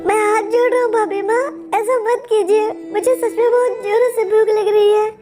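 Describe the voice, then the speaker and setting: A timid, hungry young boy servant pleads in a squeaky, very high voice. He sounds apologetic and meek throughout this game story skit. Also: flat delivery, moderate pace, over music. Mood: begging.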